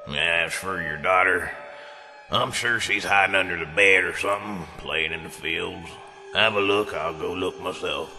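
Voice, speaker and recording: Man doing a shifty farmer dad, low voice. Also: unhurried. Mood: evasive. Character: evasive, ashamed farmer father. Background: music.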